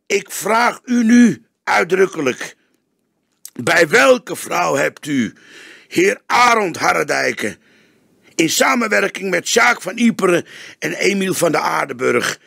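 A grey old detective speaks firmly and deliberately, as a man reading an audiobook puts him on. His voice is gravelly and somewhat husky. Pitch moves in lively steps. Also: no room sound, studio quality, exaggerated voice. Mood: stern. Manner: firm, measured, stern. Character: older male police detective, grey and stern.

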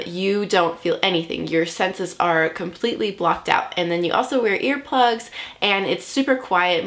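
A woman's voice: fairly low pitch, a bit bright. A young woman vlogging casually to camera, upbeat and bubbly, her voice slightly nasal from a cold. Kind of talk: casual vlog talk to camera.

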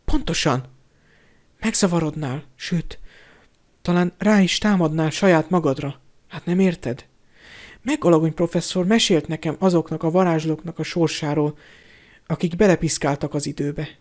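A man's voice: a little high, darkish tone, lightly acted. A man putting on an urgent, bossy schoolgirl. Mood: insistent.

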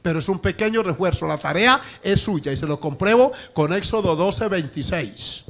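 A male pastor preaching a sermon in a lively way, acting out family dialogues for his congregation. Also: high voice, moderate pace.

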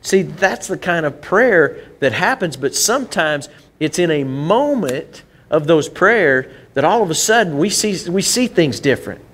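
Pastor preaching in church, higher voice. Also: male voice, expressive, a little slow, a bit bright. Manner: conversational preaching with frequent restarts and repeated words. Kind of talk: sermon.

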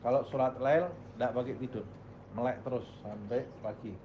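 A man's voice: medium pitch, steady tone, moderate pace, highs cut off, slight background noise. A male Islamic teacher giving a religious study lecture, posing questions to the audience and answering them himself.

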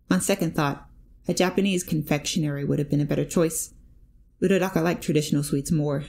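A woman narrating a fanfic audiobook in a steady, even reading voice. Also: low-pitched, slight background noise. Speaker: fanfic reader.

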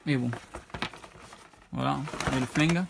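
A man's voice: medium pitch, moderate pace, creaky, noisy background. A man, casually showing off his retro game purchases, rambling and hesitant as he reads out prices. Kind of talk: casual unboxing vlog.

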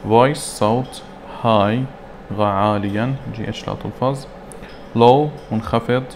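A man teaching an English lesson. He reads English words slowly and then translates them. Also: on the low side, a little mellow, a little hiss or hum. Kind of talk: recorded classroom lesson.

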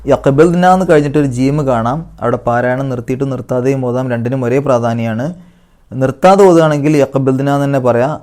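A man leads a tajweed lesson on recitation rules. He chants each short phrase slowly at a raised pitch, then drops into a lower, softer voice to explain the rule. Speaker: Quran recitation teacher.

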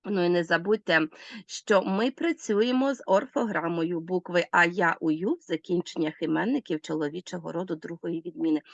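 Ukrainian teacher listing word endings. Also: female voice, fairly low pitch, vocal fry, no echo, lo-fi sound. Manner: lists word forms one by one, stressing endings; addresses pupils directly with instructions. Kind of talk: recorded grammar lesson.

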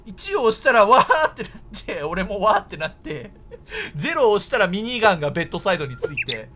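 A man giving excited horror game commentary, exclaiming in a startled way and often repeating his words. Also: high voice, quick pace. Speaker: gameplay commentator.

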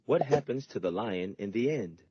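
A man's voice: fairly low pitch, animated, normal speed, warm tone, husky, lo-fi sound. A man giving patient, scripted narration in an educational reading lesson. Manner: patient, instructive.

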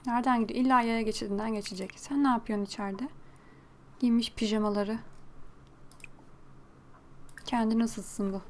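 A woman talks through her gameplay in a chatty, teasing way, quick to react to what she sees. Her voice sits fairly high. A faint noise floor runs under the recording. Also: fairly even intonation, darkish tone. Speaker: gaming video creator. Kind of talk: casual gameplay commentary.

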